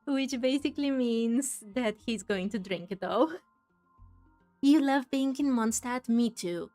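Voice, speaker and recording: Faint game music plays behind a gaming streamer whose voice is mellow, on the high side and a little slow. She gives chatty, casual commentary as she plays, thinking out loud.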